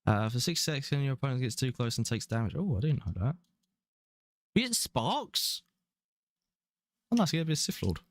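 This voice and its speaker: A man's voice: medium pitch, sing-song, normal speed, long pauses, no echo. A young man in his twenties with a London accent, chatting casually and rambling with chuckles while he streams a game. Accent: London English. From England. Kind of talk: casual live-stream commentary.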